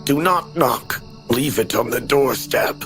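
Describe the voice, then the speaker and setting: A male narrator voicing a short, bald old restaurant man who gives flat, cryptic warnings, with music behind. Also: mid-range voice, a little slow, voice pushed up, lightly acted. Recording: animation audio with background music.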